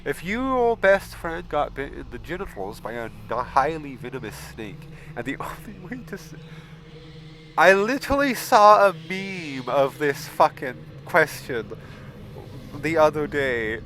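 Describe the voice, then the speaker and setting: A man hosting a casual gaming video, reading questions aloud and answering them bluntly, with frequent swearing and loud exasperated outbursts. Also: on the high side, big pitch swings, a little slow, a little hiss or hum. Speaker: gaming channel host. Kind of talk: casual game commentary.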